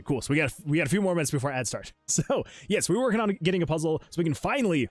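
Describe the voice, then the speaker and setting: A man developing a game solo, chatting casually on a livestream as he fiddles with his software, rambling and restarting his sentences and often laughing at himself. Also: fairly high pitch, dry recording. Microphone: USB desk microphone.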